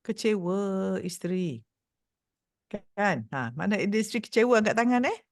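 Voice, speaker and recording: A Malaysian woman speaker gives a motivational talk in a playful, teasing tone, slipping into English as she goes. Her voice is recorded close and dry, with a pitch that is neither high nor low. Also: sing-song, quick pace, no echo. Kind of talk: lively motivational talk to a seated audience.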